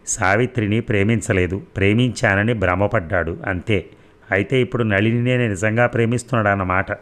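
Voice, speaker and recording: A pert, self-assured young woman student who talks in a sulky, cocky way, as a male reader gives her lines. The voice sits fairly low, and it is plainly a storybook reading. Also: steady tone, brisk, natural voice.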